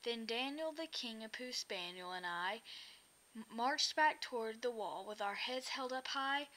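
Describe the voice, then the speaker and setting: A woman's voice: on the high side, lively intonation, unhurried, sharp tone. A woman reading a rhyming children's picture book aloud with a lilting delivery. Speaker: storyteller.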